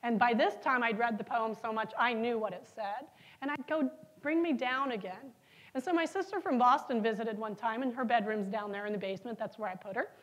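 In a low-quality recording, a middle-aged keynote speaker addresses a large conference hall from the stage. Her pitch is fairly high and she speaks a little fast, mixing spirited storytelling with questions for the audience.

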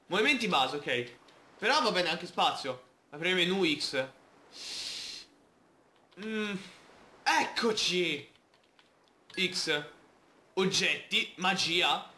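Man, Let's Play commentary, animated pitch, roomy home recording, playful, reads game text aloud. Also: takes it slowly, long pauses. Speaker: gamer.

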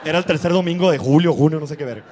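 A man with a Mexican accent doing profane, animated stand-up storytelling. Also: fairly high pitch, very fast, big-room sound, a little hiss or hum. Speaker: stand-up comedian.

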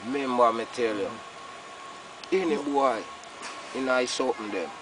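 An older Jamaican man, roughly in his 60s, is a farmer being interviewed on a village roadside. He reasons casually in rasta-style patois with a mid-range voice at normal speed, emphatic and repeating his phrases. The outdoor recording is off-mic from a distance, with faint noise.

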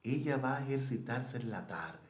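In an echoey room, a male English teacher records an online lesson, thinking out loud, correcting himself, and modeling how questions should rise and fall. His mid-range voice is expressive and moves at a normal speed.

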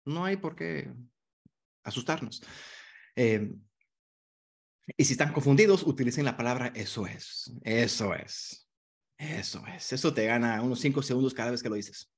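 A man's voice: mid-range voice, moderate pace, pauses often. A man teaching a hypnotherapy masterclass online, in a conversational way that keeps checking in with the class. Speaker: hypnotherapy instructor.

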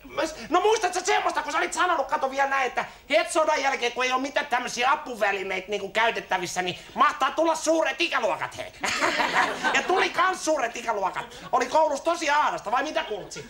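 A man's voice: very high-pitched, expressive, few pauses, sharp tone, echoey room, exaggerated voice. A man playing a brash, giggly 40-year-old in a TV comedy sketch, talking in Helsinki slang and stammering as he tells his story. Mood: cheeky. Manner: giggly, stammering, keeps tacking on "hei".

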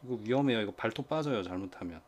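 Pets coaxing a soft-spoken man. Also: on the low side, expressive, quick pace. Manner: chatty, talks softly and coaxingly to his pets between asides to viewers. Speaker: pet vlogger. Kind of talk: casual narration while handling pets.

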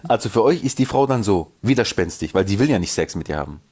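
A man hosts a heated live debate and talks fast, his pitch swinging widely. He is confrontational and animated and keeps cutting in on his guests. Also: a little hiss or hum. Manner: animated, confrontational, cuts in often. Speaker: host of a live debate stream.

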